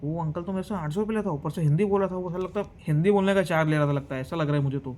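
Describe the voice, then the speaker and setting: A young man from Gujarat telling a travel story in a casual vlog, animated, switching between Hindi and English. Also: a little high, rapid-fire, slight background noise. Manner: animated, mixes Hindi and English, mimics others. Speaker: vlogger.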